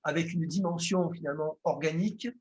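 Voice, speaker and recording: A man with a Marseille accent gives a formal lecture on law. His voice sits a little high for a man, and he speaks hesitantly, with frequent "euh" fillers and restarts. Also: fairly even intonation, fairly quick, dull audio, slight background noise. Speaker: lawyer giving a conference talk.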